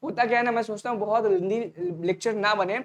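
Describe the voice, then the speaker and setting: This online exam-prep teacher has a high-pitched, steady tone and talks quickly. He casually addresses his students, restating every point as a question before supplying the answer himself.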